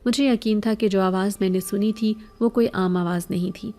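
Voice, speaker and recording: A woman narrating a first-person horror story in a measured, even storytelling manner. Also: medium pitch.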